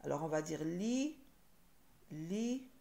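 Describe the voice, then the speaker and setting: A woman teaching a French phonics lesson, slowly repeating each word for her learners. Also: on the low side, a little mellow.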